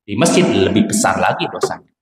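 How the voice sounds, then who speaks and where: A man's voice: on the low side, very animated, brisk. A male Islamic teacher giving a religious lesson to children in a mosque, constantly quizzing his listeners with questions. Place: mosque prayer hall. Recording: echoey hall with faint ambient noise.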